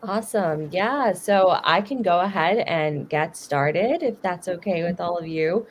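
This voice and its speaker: A young American woman from Chicago, appearing as a guest speaker over a video call, tells personal stories in a conversational talk. Her voice is lowish and unhurried, with a little hiss or hum in the recording.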